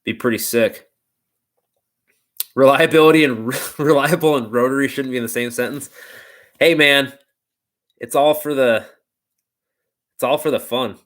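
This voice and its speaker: A man's voice: medium pitch, unhurried, pauses often, fairly bright tone. A young man hosting a live car stream, chatting loosely and rambling with lots of "like" and "dude.". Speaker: car channel host. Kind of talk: casual live stream chat.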